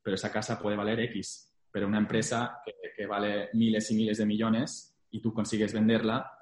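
Young male interview guest, fairly deep voice, casual Spanglish with English business jargon, reverberant room sound. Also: monotone, a little fast. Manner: Spanglish, mixing English business terms into Spanish. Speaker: interview guest, former investment banking analyst. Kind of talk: casual interview, telling career experience. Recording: echoey room.

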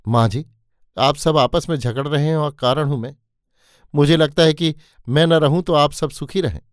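A man voicing a gentle, earnest young wife in a spoken story, pleading with her elders. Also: on the high side, moderate pace, clear, resonant tone, no echo, clean studio sound, lightly acted.

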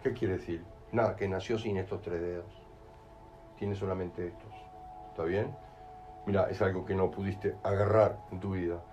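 Rioplatense male speaker, low-pitched, lively storyteller, live talk, faint music in the room. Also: moderate pace. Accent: Rioplatense Spanish. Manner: animated storyteller, acts out voices, keeps asking "¿entendés?". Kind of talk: in-person talk with audience questions.

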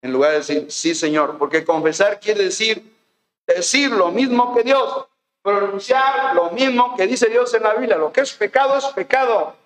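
A man's voice: high voice, expressive, normal speed, echoey room, rough recording. A man with a Mexican accent preaching a sermon as a pastor, folksy and conversational, full of rhetorical questions. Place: church.

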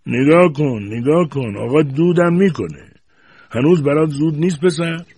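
A man voicing a mocking, irascible old grandfather who talks in a shrill, jeering and outraged way. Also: vocal fry, darkish tone, breathy edge, no room sound.

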